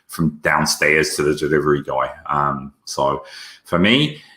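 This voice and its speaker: A man's voice: extremely low pitch, measured pace, sharp tone, roomy sound. A man chatting casually over a remote online call, his audio cutting in and out on a bad internet connection, rambling with lots of fillers. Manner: rambling, with many fillers and restarts. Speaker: seller speaking on a live Q&A. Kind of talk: casual chat.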